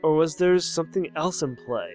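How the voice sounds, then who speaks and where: A man's voice: on the high side, lively intonation, moderate pace, darkish tone, soft background music. A young man casually commenting on a game as he plays, musing aloud, reading lines of dialogue and chuckling often. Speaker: let's play host.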